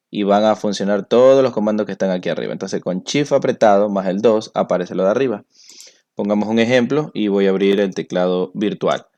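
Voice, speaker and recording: A man's voice: fairly low pitch, a little mellow. A man teaching a computer class, explaining each step patiently. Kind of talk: screen-recorded software tutorial.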